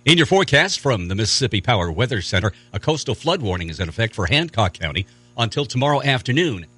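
A man delivering a scripted radio weather forecast in a husky voice. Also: mid-range voice, very animated, fast, a bit bright.

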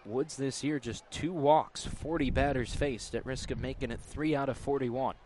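A man's voice: medium pitch, fairly even intonation, moderate pace, darkish tone. A man calling baseball play-by-play live, in clipped, terse phrases. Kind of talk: live play-by-play sports commentary. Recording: clear outdoor ambient noise. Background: outdoor ballpark ambience.

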